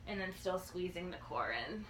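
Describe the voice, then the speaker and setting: A woman in her thirties giving a casual, halting exercise demonstration as a fitness coach, often checking in as she instructs. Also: fairly low pitch, animated. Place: living room, indoors. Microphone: phone or camera a few feet away. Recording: noisy home video, phone mic.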